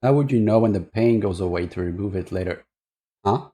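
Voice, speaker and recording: A man's voice: lowish voice, fast, dark tone. A man chatting casually as a reacting streamer, rambling and hesitant as he thinks aloud. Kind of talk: casual livestream reaction chat.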